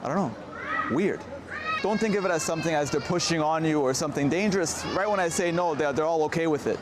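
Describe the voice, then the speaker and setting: A man's voice: a little high, fast talker. A man giving a chatty, casual walking tour as a travel vlogger outdoors on a city street. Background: street noise and vehicles.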